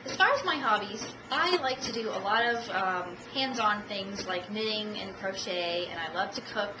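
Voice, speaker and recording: A woman in her thirties from the United States giving a self-introduction speech for a class, measured and dotted with ums and uhs, recorded on a camcorder. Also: mid-range voice. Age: 30s. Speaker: student. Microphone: camcorder at a distance. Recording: echoey room, distant camcorder, audible noise.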